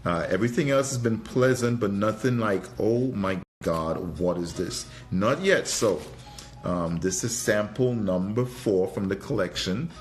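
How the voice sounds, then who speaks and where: A Trinidadian man who reviews fragrances and hosts livestreams gives a casual live product review, musing hesitantly and thinking aloud, often repeating his phrases. His voice is fairly low and unhurried, with faint music in the background.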